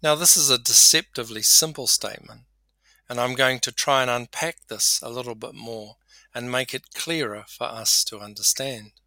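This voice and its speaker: A man preaching a podcast sermon with measured storytelling. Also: medium pitch, steady tone, sharp tone, no echo.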